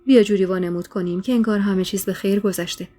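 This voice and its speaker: A woman's voice: medium pitch, steady tone, warm tone, soft background music, lightly acted. A woman voicing a young husband who is evasive and pleading in a spoken story. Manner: placating, pleading.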